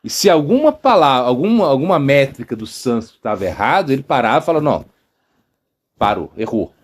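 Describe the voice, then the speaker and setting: A man with a Brazilian Portuguese accent, a monk giving an informal devotional talk, halting often with fillers and tag questions. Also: medium pitch, very animated. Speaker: monk teaching a devotional lecture.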